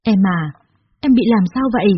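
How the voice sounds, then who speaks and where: A woman's voice: a little high, brisk, slightly rough, lo-fi sound, pitched above the performer's own voice. A woman doing a heartbroken old husband pleading. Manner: soft pleading tone.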